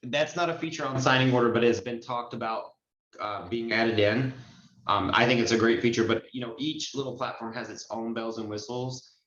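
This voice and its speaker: Taking questions as host and notary trainer, a man explains and advises with emphasis during a conversational group-call Q&A. His voice is medium-pitched, steady and a bit bright, moving at normal speed, while the call audio comes through muffled and roomy.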